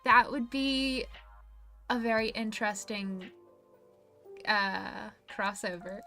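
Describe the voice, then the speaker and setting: A woman's voice: medium pitch, flat delivery, slow pace, sharp tone, faint music behind. A woman streamer in casual livestream chat, reading viewer messages aloud in a chatty, giggly way.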